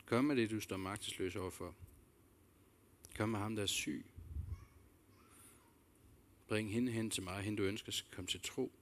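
A man's voice: lowish voice, pauses often. A man preaching a sermon, earnest and reflective, repeating key phrases and addressing listeners directly with questions. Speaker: pastor.

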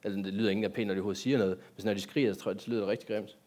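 A man's voice: lowish voice, fairly even intonation, dark tone. A man giving a sermon in a church, talking directly to the congregation and asking them many rhetorical questions. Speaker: pastor.

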